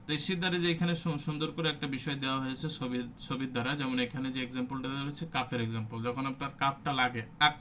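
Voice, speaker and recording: A man's voice: mid-range voice, steady tone, very fast, hardly any pauses, fairly bright tone, slight background noise. A man teaching an online Quran recitation class, explaining step by step and sounding out letters as examples. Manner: asks the listeners rhetorical check questions.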